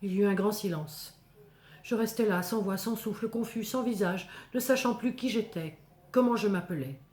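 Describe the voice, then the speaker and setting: A woman's voice: mid-range voice, darkish tone, close to an everyday voice. A woman voicing Moses, a humble, fearful shepherd, in intense, theatrical first-person biblical storytelling. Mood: anguished. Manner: theatrical, intense, measured short phrases. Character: Moses, terrified humble male shepherd telling his encounter. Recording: echoing, reverberant voice recording.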